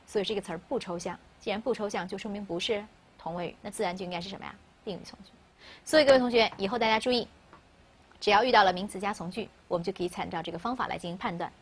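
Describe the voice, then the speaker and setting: With a mid-range voice that has a breathy edge, a woman teaches English grammar in Mandarin, her native language. She asks her students questions and answers them on her own.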